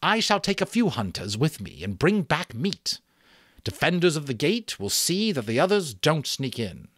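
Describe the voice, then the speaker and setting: A man performs a commanding young chief for a storybook, voicing the boy well above typical adult male pitch. His sing-song delivery swings widely as he gives solemn, emphatic orders to his tribe, at a moderate pace with a fairly bright tone in a dry recording.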